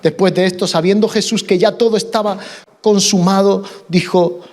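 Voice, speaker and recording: A man's voice: high-pitched, fairly even intonation, normal speed, long reverb tail. A man preaching a sermon as pastor, impassioned and repetitive, often restarting his words.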